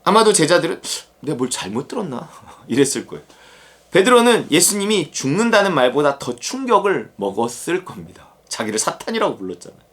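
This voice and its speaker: Pastor giving a sunday sermon, really animated pitch, emphatic, asks lots of questions. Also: fairly quick.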